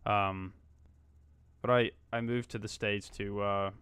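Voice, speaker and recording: A man's voice: lowish voice, little pitch movement, slow, a bit bright, clean tone, no echo. A man in his twenties from Australia, chatting casually and muttering to himself on a live stream while he codes. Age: 20s.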